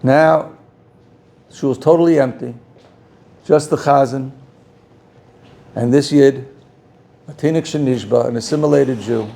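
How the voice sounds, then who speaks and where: A man, a rabbi, telling a story in a sermon, quick and dramatic in the narration. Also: mid-range voice, vocal fry, dark tone.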